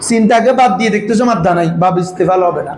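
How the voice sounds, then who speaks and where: A male Arabic grammar teacher, drilling his students with quick questions in a patient classroom manner. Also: high-pitched, darkish tone, roomy sound, a little hiss or hum, rough recording.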